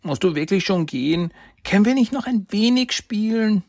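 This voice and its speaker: A man voicing a timid little boy, pleading in a high, childlike voice while telling a story. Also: expressive, moderate pace, a little mellow, no room sound, studio quality. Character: timid little boy, anxious younger brother.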